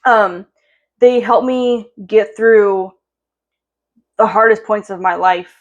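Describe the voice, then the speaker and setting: A woman's voice: medium pitch, slow, muffled recording. A young woman vlogger telling a heartfelt personal story in a rambling way, full of fillers and restarts, and emotional close to tears.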